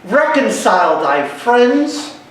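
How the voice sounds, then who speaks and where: A man performing a stern, exasperated friar scolding a young man in a slow, declamatory Shakespeare stage monologue. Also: very high voice, sing-song, pitched above the performer's own voice, heavily acted. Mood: urgent, admonishing. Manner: theatrical, emphatic, slow deliberate phrasing. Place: large hall, live stage. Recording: echoey hall, distant mic, faint noise.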